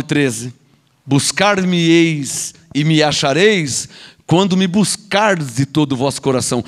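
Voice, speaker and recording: A man with a Brazilian Portuguese accent preaching a sermon as an apostle, scolding and sarcastic, with mocking asides and repeated words. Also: high voice.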